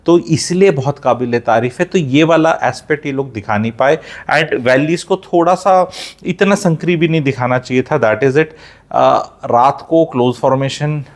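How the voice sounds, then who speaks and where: An Indian man speaking as a film reviewer. He mixes Hindi and English in a casual, opinionated way and explains technical flying details like a teacher, often pausing with "uh" and restarting. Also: medium pitch.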